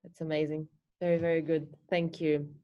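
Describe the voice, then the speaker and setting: A woman's voice: sits low, little pitch movement, normal speed, lo-fi sound. A woman interviewer asking questions and giving brief, encouraging replies.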